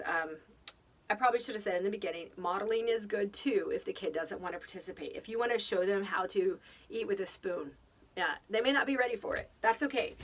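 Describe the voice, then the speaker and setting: A woman's voice: mid-range voice, a bit bright, distant mic. A woman giving casual, rambling parenting advice, thinking aloud and laughing often. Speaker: speaker on children's faith formation.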